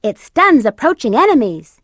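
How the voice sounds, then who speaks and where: A confident playful bat girl for a game, high voice, dry recording. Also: sing-song, moderate pace, a bit bright, dry recording, heavily acted. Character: sassy, confident female bat treasure hunter. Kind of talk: video game tutorial voice lines.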